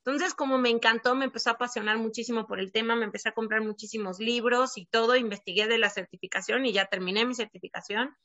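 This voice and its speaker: A woman's voice: a little high, fairly even intonation, quick pace, few pauses, fairly bright tone, no echo. A woman from Argentina, a child sleep coach, talking earnestly as a podcast guest and filling her speech with little filler words. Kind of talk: casual interview chat. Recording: dull lo-fi dry sound.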